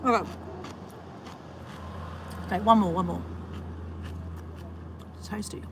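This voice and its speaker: Walking outdoors around a country town and along a creek, an Australian vlogger chats casually to her viewers, addressing them as "guys." Her voice sits at medium pitch with fairly even intonation and a slow pace, set against a noisy background.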